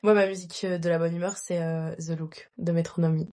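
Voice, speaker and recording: A woman's voice: lowish voice, level tone, a little fast, mellow. Chatty young woman co-hosting. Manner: chatty, trailing off with fillers. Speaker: podcast co-host. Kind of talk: casual chat.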